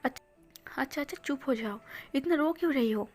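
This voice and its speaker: A woman playing a flustered young man from a storybook, impatient and teasing. The voice sits slightly high, close to her everyday tone. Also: moderate pace, darkish tone, natural voice. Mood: exasperated. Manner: exasperated, teasing.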